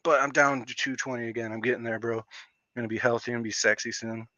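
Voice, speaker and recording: Man, casual stream host, rambling and excitable, dry dull lo-fi audio. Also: mid-range voice, fast talker, no echo. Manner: rambling, excitable, heavy use of "like". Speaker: livestream host. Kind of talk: casual livestream chat.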